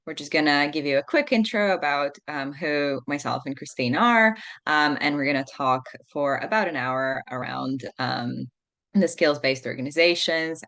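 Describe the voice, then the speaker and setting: A woman from Croatia hosting a business webinar over a video call, relaxed and dotted with ums. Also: rumbling low. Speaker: webinar host.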